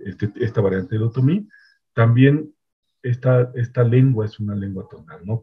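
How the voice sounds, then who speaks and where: Husky, gravelly man lecturing. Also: medium pitch. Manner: explanatory, measured, frequent "¿no?" checks. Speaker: linguistics researcher giving a lecture. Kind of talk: online academic lecture. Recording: dull lo-fi online talk audio.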